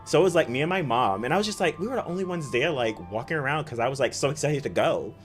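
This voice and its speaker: A gaming streamer chatting casually while playing, telling stories excitedly and talking to the chat. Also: mid-range voice, quick pace, faint music behind. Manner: excitable, giggly storytelling, talks to chat.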